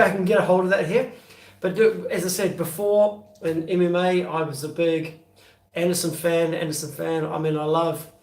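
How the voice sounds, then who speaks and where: A man in his fifties with a New Zealand accent, chatting casually on a live stream and answering viewers' questions in a loose, rambling way, full of fillers and restarts. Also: on the high side. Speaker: beer vlogger answering live chat. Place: bedroom, indoors. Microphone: phone on a stand at arm's length. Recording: echoey room, phone mic from a distance.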